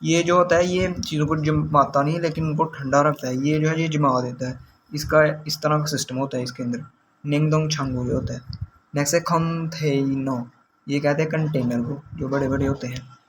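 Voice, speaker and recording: Man teaching vocabulary slowly, slightly high voice. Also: fairly even intonation, slight background noise, rough recording. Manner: slow, repeats and glosses each word. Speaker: language teacher. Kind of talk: explaining vocabulary to learners.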